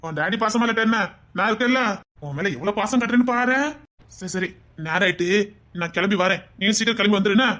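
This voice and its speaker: In a Tamil web drama, an actor plays a scheming boyfriend on a phone call, a smooth-talking, manipulative and greedy blackmailer with a Tirunelveli accent. His high voice moves fast, sweet-talking in a hushed, close murmur. He coaxes and insists, forever asking "understand?" to be sure he's followed.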